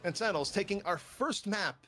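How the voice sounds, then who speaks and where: High, rapid male play-by-play caster. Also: soft background music. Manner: excitable, builds hype on big plays. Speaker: esports caster. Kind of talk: hype play-by-play commentary.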